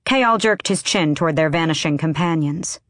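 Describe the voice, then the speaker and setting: A woman narrating a fantasy audiobook in a measured, even storytelling manner. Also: deep voice, dry recording, clean studio sound. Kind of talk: scripted narration.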